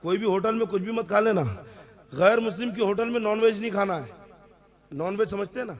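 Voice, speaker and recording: Man, Islamic scholar, high-pitched voice, emphatic, question-and-answer talk, frequent check-ins with listeners. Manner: keeps checking in with the audience; emphatic, repeats key rulings.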